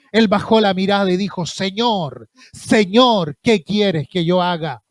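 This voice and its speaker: Man, preacher, high voice, earnest direct questions, dry close sound. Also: dry recording. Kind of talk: recorded sermon.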